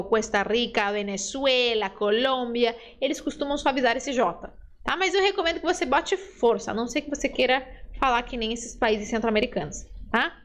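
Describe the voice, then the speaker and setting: A woman from Brazil teaching a Spanish lesson in a chatty, lively way, slowing down to model each word. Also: fairly high pitch. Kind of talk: online language lesson.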